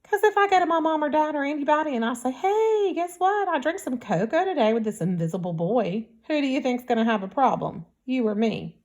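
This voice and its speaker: A woman's voice: sits high, expressive, fast, hardly any pauses, darkish tone, pitched above the performer's own voice. A woman reading a frank blind teenage girl. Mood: teasing.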